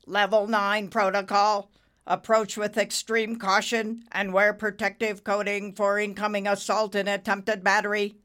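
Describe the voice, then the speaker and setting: A woman's voice: medium pitch, level tone, unhurried, fairly bright tone, natural voice. A woman voicing a robotic voice that reads out a protocol in a storybook. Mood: stiff. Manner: stiff and announcing. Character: flat robotic voice reading a protocol.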